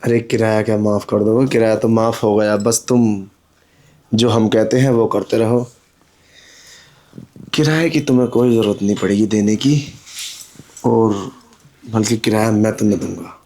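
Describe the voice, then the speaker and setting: A man playing a pushy, scheming landlord with a dark voice. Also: on the low side, fairly even intonation, normal speed, pauses often, natural voice. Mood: persuading. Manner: pressuring, impatient, dismissive. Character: pushy, scheming middle-aged male landlord. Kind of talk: amateur Hindi drama skit.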